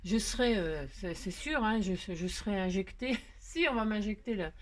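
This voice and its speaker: A woman's voice: medium pitch, expressive, normal speed. A woman with a French accent hosting a casual crafting tutorial, chatty and self-mocking, with many fillers and little laughs. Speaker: crafting video host.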